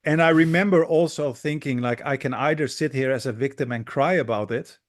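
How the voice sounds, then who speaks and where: A man in his thirties from the Netherlands hosts a political interview in a mid-pitched voice. He speaks with passion, but his sentences often stall and restart. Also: fairly quick. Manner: hesitant, many restarts, impassioned. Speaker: interview host, academic.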